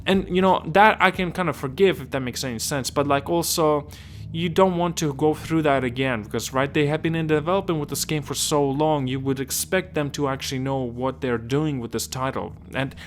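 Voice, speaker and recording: A man's voice: on the high side, a little fast, a little hiss or hum. Rambling gaming vlogger man from Estonia. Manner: rambling, restarts a lot, keeps asking if it makes sense. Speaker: gaming video host. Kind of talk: casual gaming commentary.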